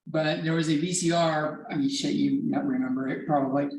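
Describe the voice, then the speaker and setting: A woman's voice: low-pitched, fairly even intonation, a little fast, darkish tone, echoey room, a little hiss or hum. A woman teaching a math class as professor, in a casual, digressive way with some swearing, recorded from far off in a classroom. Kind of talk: classroom lecture.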